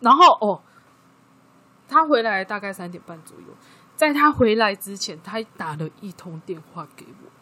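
A woman co-hosting a casual podcast, speaking with a Taiwanese Mandarin accent. Her voice sits at a middling pitch with a husky, breathy edge. She tells her stories in a lively way and acts out the other people's lines. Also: brisk. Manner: lively storytelling, acting out quoted dialogue. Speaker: podcast co-host. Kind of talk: casual chat.

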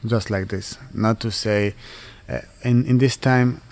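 A man from Switzerland in his thirties, answering interview questions in halting non-native English full of fillers and restarts. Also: lowish voice, steady tone, darkish tone. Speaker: interviewee, footballer.

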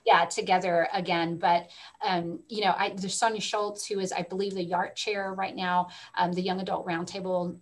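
A middle-aged woman, a school librarian guest telling stories in a casual interview, animated, with quick asides. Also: lowish voice. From Texas. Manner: animated storyteller, quick asides, frequent laughs.

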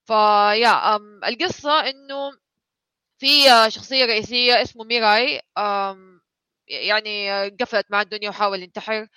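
Woman podcaster, eager casual chat, fast and bright, dry close mic. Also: mid-range voice, clear, resonant tone, no echo. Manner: excitable, hesitant, apologetic, mixes in English. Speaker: podcast co-host. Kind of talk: casual chat about anime.

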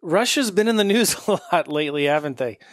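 Chatty male podcast host, friendly, laughs easily, slightly high voice. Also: expressive, brisk, no room sound, studio quality. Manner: upbeat, chatty, laughs often. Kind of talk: casual interview chat.

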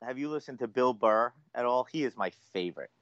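A man co-hosting a podcast, chatting casually in an animated, filler-heavy, self-deprecating way. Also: medium pitch, brisk, no room sound. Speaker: podcast co-host. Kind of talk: casual chat. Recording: dull dry lo-fi audio.

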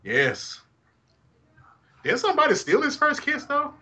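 A man's voice: extremely high pitch, huge pitch swings, a little slow, bright, forceful tone. A man from Alabama co-hosting a casual fan podcast, with crude, teasing banter. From Alabama, United States. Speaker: podcast co-host. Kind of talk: casual fan podcast chat, reading listener messages.

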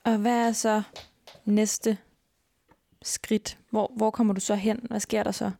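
A woman interviewer asking gentle, probing questions in a documentary interview. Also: medium pitch, flat delivery, vocal fry.

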